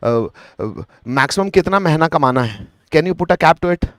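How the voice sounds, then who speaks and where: A man's voice: a little high, lively intonation, racing, no echo, clean studio sound. A man with an Indian accent teaching chemistry in a live online exam lesson, explaining conversationally, addressing students as beta and mixing some Hindi into his English.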